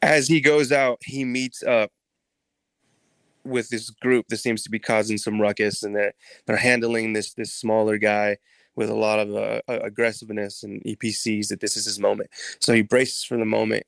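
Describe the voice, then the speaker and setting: A man, a podcast guest, retelling a story in a casual, animated way and laughing often. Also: fairly low pitch, moderate pace, creaky, no echo.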